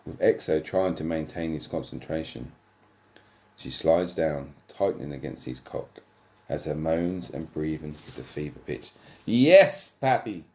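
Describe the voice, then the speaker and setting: A man narrating a comic erotic story, deadpan, sometimes stumbling over words and swearing. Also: rumbling low, moderate pace.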